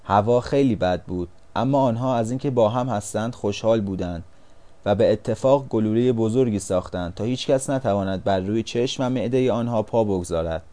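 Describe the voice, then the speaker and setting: A man narrating a storybook as an audiobook, reading in an even, steady way. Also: fairly low pitch.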